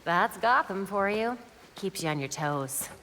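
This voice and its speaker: A woman's voice: medium pitch, expressive, a little slow. A woman playing a cocky, determined young female vigilante in a video game cutscene, wry and confident. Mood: wry banter. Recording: echoey, loud music, some noise.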